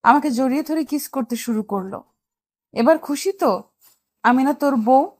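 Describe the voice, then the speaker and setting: A woman playing a high-voiced, clingy, bossy young wife. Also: moderate pace, a little mellow, no room sound. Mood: demanding. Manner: demanding, teasing. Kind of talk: romantic audio drama.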